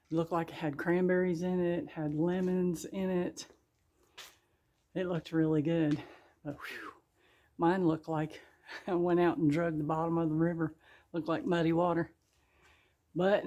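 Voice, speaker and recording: A woman's voice: sits low, mellow. A woman chatting casually to her viewers in a folksy, laughing way while she works outdoors in her garden. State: a little out of breath. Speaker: gardening vlogger. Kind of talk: casual vlog narration.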